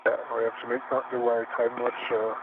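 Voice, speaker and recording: A man's voice: medium pitch, level tone, fairly quick. A man, an astronaut, giving terse, task-focused radio chatter while working. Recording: tinny radio with faint hiss.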